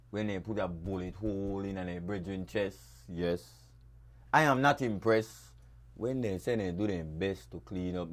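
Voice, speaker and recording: A man with a Belizean accent reciting dub poetry in a rhythmic, rhyming delivery with sharp swings in loudness. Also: deep voice. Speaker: dub poet.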